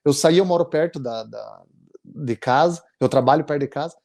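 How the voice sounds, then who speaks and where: A man in his forties with a Brazilian Portuguese accent, telling his story as an interview guest in a halting, earnest way with many restarts. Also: a little high, gravelly, a little mellow. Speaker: interviewee, immigration client. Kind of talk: emotional conversational storytelling.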